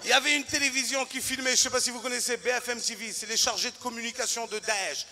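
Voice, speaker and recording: High, bright Ivorian stand-up comedian. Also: male voice, quick pace. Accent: Ivorian French. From Ivory Coast. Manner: animated, acts out characters and shouts punchlines.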